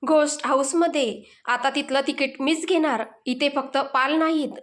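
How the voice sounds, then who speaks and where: A woman's voice: high voice, fairly even intonation, moderate pace, natural voice. Irritable young man, snaps and scolds, read by a woman narrator; storybook. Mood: annoyed. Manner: snappish, scolding. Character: irritable young man, secretly scared, gruff.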